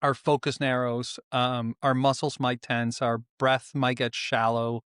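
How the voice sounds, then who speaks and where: A middle-aged man from Venezuela, calmly explaining ideas as a guest author in an interview, with small pauses. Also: mid-range voice, smooth, no echo, clean studio sound. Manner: calm, explanatory, with frequent "uh" pauses. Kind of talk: reflective interview answers.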